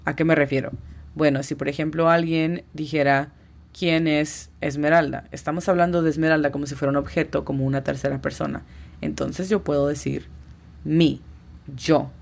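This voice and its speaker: A woman's voice: deep voice, level tone, a little fast, creaky. A woman teaching English on a podcast, patiently explaining step by step and spelling out pronunciations. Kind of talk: podcast language lesson.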